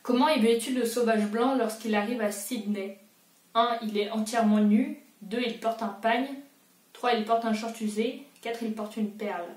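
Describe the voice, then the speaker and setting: A woman's voice: on the high side, fairly even intonation, normal speed, darkish tone, far from the mic. A young woman talks through a quiz in a casual, self-mocking vlog voice. She sits a little back from the mic in a roomy, echoing space. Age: young adult. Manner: chatty, self-mocking, thinking aloud. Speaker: booktuber.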